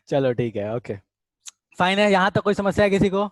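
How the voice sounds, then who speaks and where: A man's voice: high voice, very animated, normal speed, no echo. A man teaching chemistry in a casual online class, explaining reactions and chatting with students, calling them beta. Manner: chatty, addresses students as beta, reads out their chat comments.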